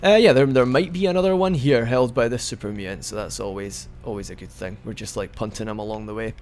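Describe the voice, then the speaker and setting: Faint music plays behind a young man who commentates on his game fast, in a medium-pitched voice with a darkish tone. His talk is casual and rambling, full of restarts, with occasional hiccups.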